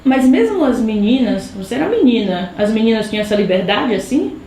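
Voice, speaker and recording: A woman's voice: on the high side, very animated, fairly quick, dark tone. A woman interviewer asking short, prompting questions in an oral history interview. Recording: echoey room, faint noise.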